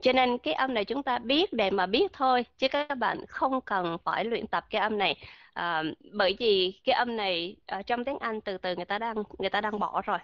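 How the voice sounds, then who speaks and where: A woman's voice: mid-range voice, fairly quick, dry recording, highs cut off. A woman teaching English pronunciation in an online lesson, explaining patiently with many fillers and checking that her students understand. Her first language is Vietnamese.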